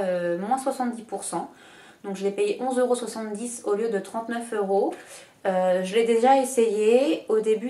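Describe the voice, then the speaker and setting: A woman's voice: mid-range voice, a little mellow. A woman from France chatting casually about her shopping haul, with many hesitations and self-mocking asides. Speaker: beauty vlogger. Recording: echoey room.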